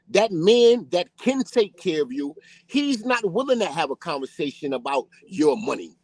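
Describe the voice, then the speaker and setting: A man's voice: high voice, husky, no room sound, poor audio. A man in his late thirties rants bluntly and casually, swearing often and tagging nearly every point with "right?". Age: 30s. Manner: profane, repeats himself when pressed. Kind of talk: casual ranting monologue.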